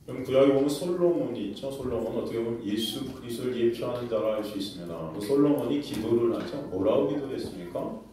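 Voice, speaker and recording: A man preaching a sermon as pastor, telling the story with lively acted-out quotes and questions to the congregation. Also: medium pitch, fast, hardly any pauses, slight background noise. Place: church sanctuary. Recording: very echoey church hall, mic at a distance.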